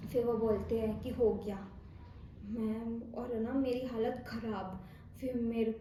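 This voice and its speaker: A young woman with a Rajasthani accent tells a personal story in a loose, chatty way, acting out what others said and often calling her listeners "bhai". Her voice sits high. It rings through a very echoey room over a faint hum of ambient noise. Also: dark tone. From India. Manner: chatty, retells dialogue, frequent "bhai". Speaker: vlogger. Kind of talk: casual storytelling.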